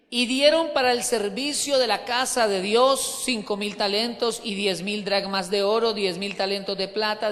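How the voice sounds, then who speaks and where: A man's voice: sits high, a bit bright. A man preaching a sermon as pastor to his church, emphatic, repeating key words and asking the congregation questions. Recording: long hall reverb.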